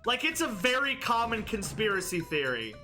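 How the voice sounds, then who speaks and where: A man's voice: high-pitched, big pitch swings, normal speed. A young man giving casual, jokey gameplay commentary, rambling along with plenty of "like" and restarts. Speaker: gaming commentator. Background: game music.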